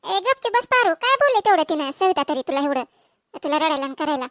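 A woman voicing a bossy but soothing village coworker in a cartoon, scolding briskly. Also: high-pitched, very animated, fairly bright tone, no echo. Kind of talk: dubbed cartoon voice.

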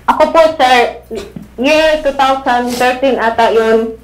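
A woman's voice: high-pitched, takes it slowly, echoey room, poor audio. A young woman giving respectful testimony as a witness. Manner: plain, respectful recounting. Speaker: witness, niece.

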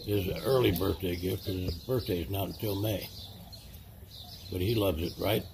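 A man's voice: low voice, normal speed, gravelly. A man hosting a casual home giveaway vlog, chatting from behind the camera outdoors. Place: outdoors at a driveway table. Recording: outdoor noise with birdsong.

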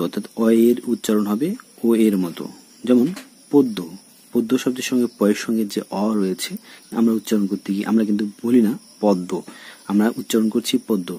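A Bangladeshi college lecturer gives a recorded lesson, talking directly to his students as he slowly explains and repeats example words. His voice sits on the low side, mellow and husky.

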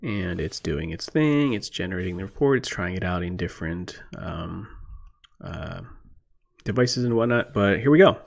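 Low gravelly man teaching at a screen. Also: moderate pace. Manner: relaxed, thinking aloud with many fillers. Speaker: programming instructor. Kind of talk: casual screencast tutorial. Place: indoors at a computer, voice-over on screen recording.

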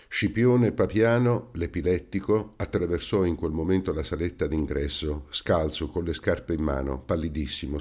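Deep-voiced male audiobook narrator. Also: darkish tone. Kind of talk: scripted narration.

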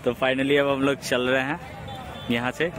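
A young man, chatting excitedly as he vlogs outdoors on his way into a cricket stadium. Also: mid-range voice, moderate pace. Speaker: vlogger. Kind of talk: casual vlog chat. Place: outdoors on busy city streets and at a stadium. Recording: loud crowd and street noise. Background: traffic and large crowds.

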